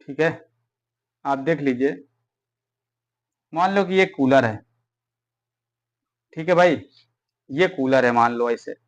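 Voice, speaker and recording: A man's voice: medium pitch, takes it slowly, long pauses. A man teaching a class lesson in a chatty, coaxing way, pushing his students to answer. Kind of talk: classroom lecture.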